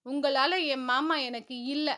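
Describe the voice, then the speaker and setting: A woman's voice: sits high, fairly even intonation, unhurried, sharp tone. A woman voicing a spoiled, hot-tempered young woman who demands answers in an indignant tone in a storybook reading.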